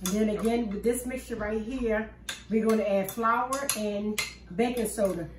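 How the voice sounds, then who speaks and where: In this casual cooking demo, an older woman talks through each step from her kitchen in a cozy, easygoing manner. Her pitch is medium, her pace moderate, and the background is noisy. The audio comes from a distant camera on the counter, so the room sounds spacious and far away.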